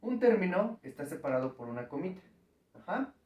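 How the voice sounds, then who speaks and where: This math teacher's voice sits high, warm and very animated, and he talks briskly, though he's far from the mic in an echoey room. At the board, he patiently explains each step of the recorded lesson and checks in with the students.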